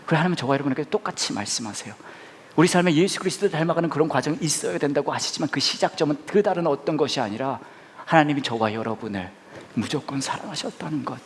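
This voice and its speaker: A man preaching a sermon as a pastor, telling a story in an animated, conversational way. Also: mid-range voice, slight background noise.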